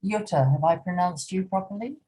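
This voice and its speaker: A woman's voice: lowish voice, fairly quick, mellow, slight background noise, poor audio. A woman hosting an online seminar, politely calling on each guest by name over a video call. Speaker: seminar host.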